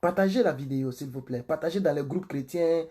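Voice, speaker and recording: A man reading the Bible on a livestream and commenting between passages, slow and solemn in the readings and quick and chatty in his asides to viewers. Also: a little high, dark tone. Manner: chatty, repeatedly urging viewers to share. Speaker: Bible reader and preacher.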